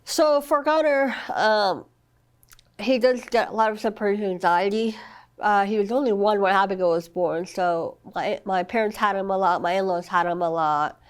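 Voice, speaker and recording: Young mom on a podcast, earnest, says "i mean" a lot, still a bit sick. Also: female voice, medium pitch, normal speed, clean tone. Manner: earnest, many fillers like "I mean" and "you know". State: recovering from illness, occasional cough. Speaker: guest, mother of a child with a rare condition. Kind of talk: podcast interview.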